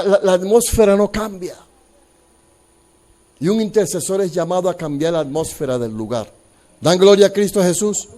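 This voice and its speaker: High-voiced man preaching emphatically. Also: a little mellow. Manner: emphatic, acts out the people in the story; repeats words and restarts often. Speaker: pastor. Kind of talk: sermon.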